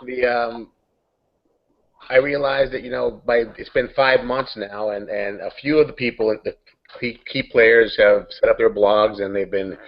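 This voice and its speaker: A man's voice: medium pitch, fairly even intonation, a little slow, dull audio. A man hosting a casual online coaching hangout, rambling and searching for his words, talking through a computer mic on a video call.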